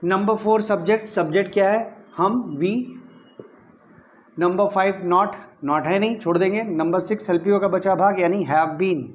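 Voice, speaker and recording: A man with a high voice teaches English grammar in Hindi. He walks through each sentence step by step and keeps asking whether it is clear. The recording sounds dull and lo-fi. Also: measured pace. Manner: explains step by step, often checking "clear?". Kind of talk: Hindi-language grammar lesson.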